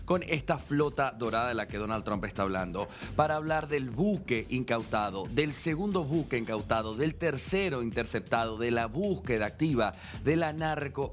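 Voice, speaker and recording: A man who is a native Spanish speaker, hosting a live news interview, explaining and interpreting for viewers and correcting himself as he goes. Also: medium pitch. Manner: self-correcting, explanatory, addressing viewers directly.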